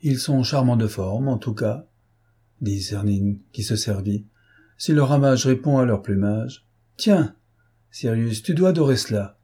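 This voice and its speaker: A man voicing a gentleman thief posing as a Russian prince, mocking and disdainful. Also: mid-range voice, a little slow, slightly rough. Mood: playful. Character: Arsène Lupin, disguised as a mocking Russian prince.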